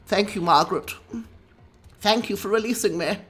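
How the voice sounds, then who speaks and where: A man's voice: high voice, normal speed, a bit bright, breathy edge, voice pushed up. Man putting on a plummy posh English dragon. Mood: grateful. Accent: upper-class English. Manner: pompous, plummy. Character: posh old-fashioned English male dragon.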